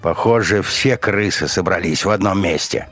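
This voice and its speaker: A furious, hardened commander in an audiobook, barking short orders in a raised, husky voice, as a male narrator puts him on. Every line lands as a command. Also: deep voice, normal speed, fairly bright tone, faint music behind, voice pushed up.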